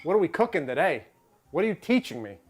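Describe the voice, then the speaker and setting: A man's voice: fairly high pitch, very animated, fast, crowd noise. A man hosting a live cooking show who jokes around and often stammers and repeats his words while he cooks. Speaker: show host cooking on air.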